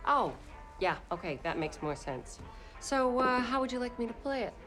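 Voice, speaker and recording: A woman's voice: on the high side, very animated, moderate pace, a bit bright, faint music behind. An actress playing a sardonic, haughty female con artist in a period TV drama.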